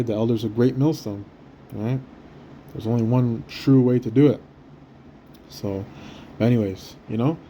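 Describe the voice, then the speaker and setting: A man preaching quietly from a hotel room in a rambling, profane, stammering way, full of restarts. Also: medium pitch, a little hiss or hum. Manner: deliberately speaking quietly. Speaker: street preacher. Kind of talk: casual preaching monologue.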